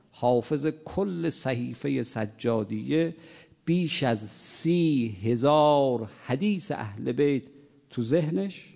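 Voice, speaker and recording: A man's voice: on the high side, gravelly, a little mellow, in a large hall. A man preaching a sermon, telling a story and acting out the quoted dialogue.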